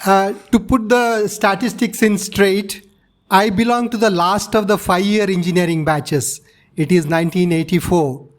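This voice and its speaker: A man in his sixties speaks with a South Indian accent in a notably high-pitched voice. He answers as an interviewee, laying out his experiences step by step in a measured, explanatory manner. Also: fairly even intonation. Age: 60s. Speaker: interviewee, retired navy officer. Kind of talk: interview, recounting personal experience.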